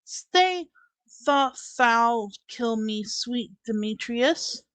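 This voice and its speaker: Woman doing a scorned young noblewoman, high and very slow, dry close sound, amateur reading. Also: expressive, fairly bright tone, clean tone, dry recording, heavily acted. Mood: pleading. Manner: halting, restarting lines. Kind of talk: amateur live-stream Shakespeare reading.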